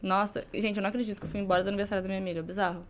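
A woman's voice: medium pitch, flat delivery, very fast. A young woman, a podcast guest telling a story animatedly and acting out other people's lines. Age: young adult. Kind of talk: casual storytelling.

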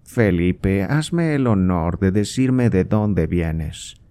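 A man's voice: deep voice, animated, drawn-out words, dark tone, clean tone, exaggerated voice. A man doing a scornful old nobleman father. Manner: sarcastic, scolding. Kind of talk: audiobook character voice.

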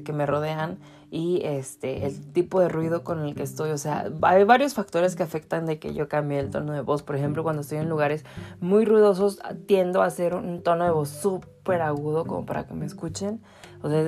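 Chatty Mexican man with soft music. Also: on the high side. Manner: chatty, many "o sea" fillers. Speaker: podcast host. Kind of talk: casual chat to listeners.

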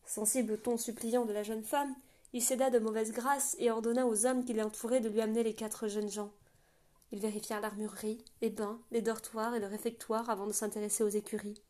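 A woman narrating a fantasy novel aloud in a quiet, measured reading voice. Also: a little high, level tone. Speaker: audiobook narrator.

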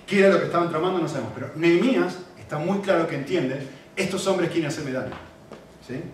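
A man's voice: on the high side, fast talker, recorded from a distance. A man with an Argentine accent preaching a sermon, walking through a text and putting questions to the audience. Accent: Argentine Spanish. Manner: conversational, asks the audience questions. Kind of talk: expository sermon. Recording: echoey hall, mic from afar, faint hiss.

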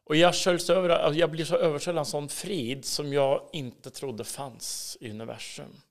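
A man's voice: on the high side, fairly even intonation. A man with a Swedish accent telling his personal faith story in an interview, earnest and intense, sometimes dropping to a whisper. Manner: earnest, swings between hushed whispers and emphatic bursts. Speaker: interview guest. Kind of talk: personal testimony in a casual interview.

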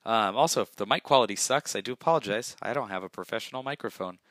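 A man's voice: fairly low pitch, quick pace, fairly bright tone, no room sound. A young man hosting a casual solo podcast from a bathroom, rambling and self-deprecating, recorded on a gaming headset mic. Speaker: podcast host.

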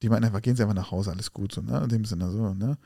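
Fast-talking man telling a story, dry sound. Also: on the low side, vocal fry, no room sound. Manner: animated retelling that acts out quoted dialogue. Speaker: podcast co-host. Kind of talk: casual conversation and storytelling.

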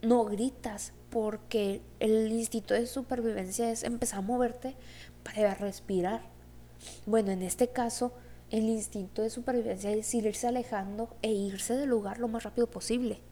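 A young woman vlogger with a Mexican Spanish accent tells a personal story in a casual, rambling style, heavy with fillers like "o sea, como que" and acted-out quoted dialogue. Her voice is fairly high and dark-toned, steady at a moderate pace, with a little hiss or hum.

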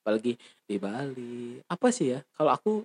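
A man's voice: mid-range voice, lively intonation, brisk, husky. A man chatting casually about hotel work, joking and breaking into laughter often. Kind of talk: casual podcast chat.

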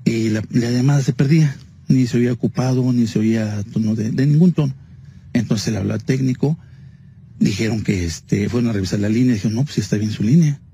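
A man's voice: mid-range voice, fairly quick, mellow, a little hiss or hum. A man telling a spooky story in a casual, hesitant way, full of fillers. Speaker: guest telling a ghost story.

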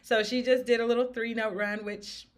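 A woman's voice: a little high, flat delivery, normal speed. A woman vocal coach giving an upbeat, encouraging singing lesson, singing short examples between explanations. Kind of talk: singing lesson with sung demonstrations. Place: home studio podcast.

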